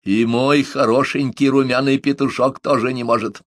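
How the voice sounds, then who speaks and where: A man voicing a huge, laughing Tahitian woman who teases and mocks in a booming voice. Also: steady tone, normal speed, no echo, clean studio sound, natural voice. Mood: teasing. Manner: booming, mocking, laughing through words.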